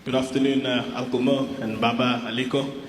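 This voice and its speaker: A man's voice: medium pitch, level tone, fairly quick. Polite South African man in an echoey hall. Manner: polite, formal. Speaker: audience member asking a question. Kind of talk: formal question from the floor. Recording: echoey hall with faint noise.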